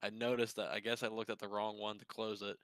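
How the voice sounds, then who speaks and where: A man's voice: fairly low pitch, level tone, fast, fairly bright tone, dry recording. A young man co-hosting a podcast, telling a work story in a casual, rambling way and laughing at himself. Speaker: podcast co-host.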